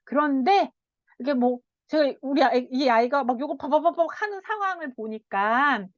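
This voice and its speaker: A woman child counselor giving a parenting lecture, animated, often laughing and acting out what children and parents say. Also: sits high, normal speed, no room sound. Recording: dull, dry sound.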